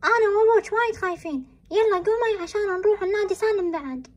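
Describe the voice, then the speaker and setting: A woman's voice: very high-pitched, very fast, lo-fi sound. A woman playing a fearful middle-aged mother in a family drama, full of anxious exclamations.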